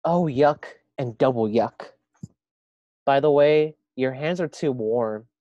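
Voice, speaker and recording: A man's voice: mid-range voice, slow, no room sound, muffled recording, pitched above the performer's own voice, close to an everyday voice. A man reading a picture book aloud, voicing a fussy, bossy little male frog who refuses to become a prince.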